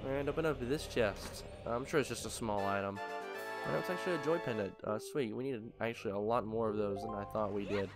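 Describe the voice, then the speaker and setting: With game music in the background, a let's play host offers casual gameplay commentary, frequently filling gaps with um as he reasons things out. He speaks on the low side and fairly quickly, sounding a little nasal because of allergies.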